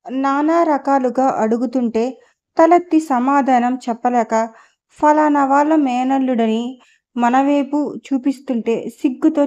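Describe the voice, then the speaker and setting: Woman voicing a furious, sharp-tongued wife. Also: sits high, lo-fi sound. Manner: scolding, confrontational.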